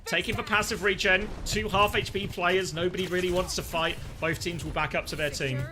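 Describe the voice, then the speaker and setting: Male esports play-by-play caster, high voice, urgent clipped calls, music behind. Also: steady tone, brisk. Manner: urgent, clipped present-tense calls that rise with the action. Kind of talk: live esports match commentary.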